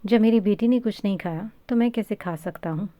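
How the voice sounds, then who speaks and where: A woman voicing a gentle middle-aged father who coaxes and pleads softly. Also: medium pitch, dry recording, natural voice. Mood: coaxing. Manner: soft, pleading, playful.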